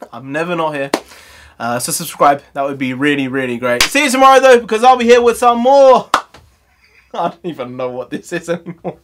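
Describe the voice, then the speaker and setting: A woman's voice: low-pitched, expressive, moderate pace, pauses often, background noise. A woman vlogger in a giggling laughing fit who keeps breaking into laughter mid-sentence as she tries to sign off. She sounds tired and keeps repeating herself. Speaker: comedy vlogger. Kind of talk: casual unscripted vlog sign-off.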